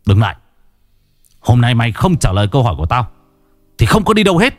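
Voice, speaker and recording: A man doing a gruff, furious wronged husband. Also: low voice, very animated, moderate pace, a little mellow, no echo. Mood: enraged. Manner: gruff, clipped threats and demands. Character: wronged husband, restrained then furious, middle-aged.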